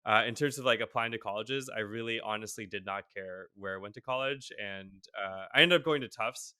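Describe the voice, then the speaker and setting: Bright, crisp-voiced man on a video call. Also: on the low side, brisk, no room sound, studio quality. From Boston area, USA. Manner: relaxed and rambling, lots of fillers and self-deprecating laughs. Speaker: guest, tech CTO. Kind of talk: casual interview. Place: home room, on a video call.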